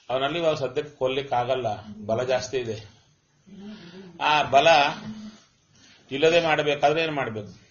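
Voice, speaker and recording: A man's voice: mid-range voice, a bit bright, slight background noise. A middle-aged man giving a spiritual discourse, chanting verses and asking and answering his own questions as he tells a story. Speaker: religious discourse speaker. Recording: dull lo-fi recording.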